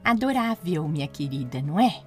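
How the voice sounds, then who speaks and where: A woman's voice: low-pitched, very animated, brisk, faint music behind, voice pushed down. A woman voicing a wicked queen disguised as an old apple-selling woman in a children's storybook reading, with a wheedling, sweetly sinister manner.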